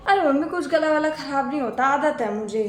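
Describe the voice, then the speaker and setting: A woman's voice: high voice, fairly quick, slight background noise, lightly acted. A woman playing a bossy sister-in-law. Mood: complaining. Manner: bossy, complaining, commanding. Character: demanding bossy married sister-in-law visiting home. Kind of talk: homemade family skit acting. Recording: echoey room.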